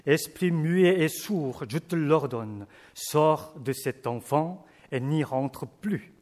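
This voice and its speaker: A stern male teacher rebuking a crowd, read aloud by a man. The delivery is slow and measured, the voice sits a little high, and a long hall reverb trails every phrase. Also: lively intonation, darkish tone. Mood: solemn.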